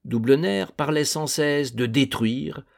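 A man narrating a literary novel in a measured, deliberate reading. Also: a little high, creaky. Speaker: audiobook narrator.

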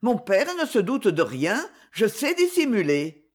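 A woman's voice: on the high side, big pitch swings, measured pace, a little mellow. A woman reading a storybook voices a sad, melancholy young woman in a wistful, downcast tone.

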